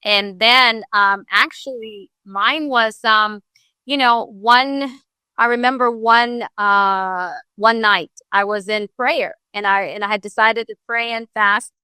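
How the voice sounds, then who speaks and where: A woman from Ghana, a real estate broker, telling her story as a guest in an earnest, animated way, with many fillers. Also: fairly high pitch, slow, clean tone, no room sound. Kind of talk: casual interview storytelling.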